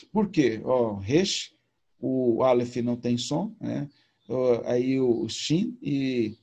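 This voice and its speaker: A man's voice: mid-range voice, dark tone, breathy edge. A man teaching a recorded video lesson, explaining patiently and informally with repetition. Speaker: Hebrew teacher.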